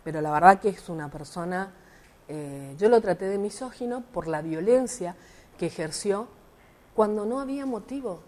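A woman's voice: medium pitch, expressive, moderate pace, darkish tone. A middle-aged Argentine woman and lawyer, telling an interviewer with indignant emphasis about an incident, acting out the quoted dialogue. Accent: Argentine Spanish (rioplatense voseo). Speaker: interviewee, party representative and lawyer.

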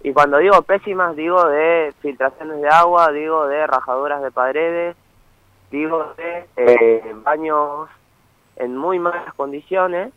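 A young adult man from Misiones with an Argentine Spanish accent calls in for a phone interview as a student activist, earnestly explaining his cause and often checking in with "¿sí?". His voice is on the high side and unhurried, with no echo. The phone microphone gives a muffled line.

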